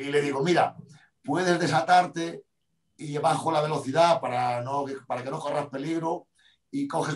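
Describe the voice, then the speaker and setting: A man, a rally driver, telling a story in an interview, acting out both sides of a quarrel. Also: a little high. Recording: roomy sound from a distant mic.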